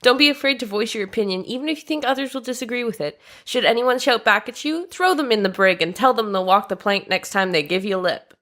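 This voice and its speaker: A woman's voice: on the high side, quick pace, few pauses, a bit bright. A woman co-hosting a comedy podcast, reading an article aloud and joking in a wry, self-deprecating way. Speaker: podcast co-host.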